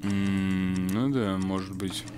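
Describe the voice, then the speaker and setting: A man's voice: low-pitched, steady tone, slow pace, over music. A man playing a puzzle game with a friend, chatting casually and muttering mild curses as he works things out. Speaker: let's play gamer. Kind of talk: casual co-op gameplay chat.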